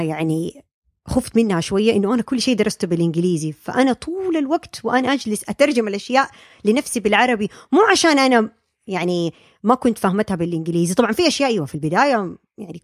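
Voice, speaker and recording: Fast-talking woman guest. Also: medium pitch, no echo, clean studio sound. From Saudi Arabia. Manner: explanatory, many fillers and restarts, slips into English terms. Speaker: speech-language pathologist guest. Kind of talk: casual podcast interview.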